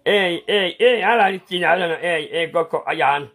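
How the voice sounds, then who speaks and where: A man's voice: mid-range voice, very animated. A man playing a bumbling, befuddled clown painter who rambles in confused mutters with restarts, kindly fussing over someone crying. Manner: soothing, scolding someone who cries. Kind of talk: comic improvised monologue.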